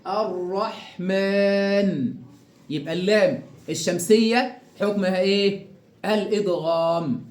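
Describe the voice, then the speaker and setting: A man with an Egyptian accent and a high voice teaches recitation rules in an echoey room. He poses questions, answers them himself, and stretches each example word slowly. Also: expressive, darkish tone. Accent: Egyptian Arabic. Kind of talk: tajweed lesson.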